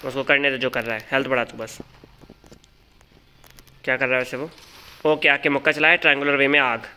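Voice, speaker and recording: Excited bright-voiced gaming commentator. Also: male voice, medium pitch, brisk, a little hiss or hum. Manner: excited, talks to his character and calls out boss moves. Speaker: gaming channel host. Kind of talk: live gameplay commentary.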